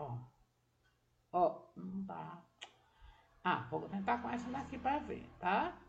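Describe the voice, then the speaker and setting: A woman's voice: mid-range voice, gravelly. A woman teacher giving a patient remote literacy lesson to children, walking through each step and checking that they follow along.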